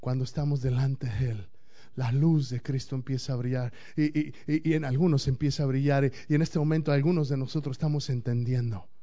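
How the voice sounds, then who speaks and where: A man preaching a sermon as pastor, swinging between loud declaiming and hushed, intimate passages. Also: mid-range voice, fairly even intonation, brisk, highs cut off.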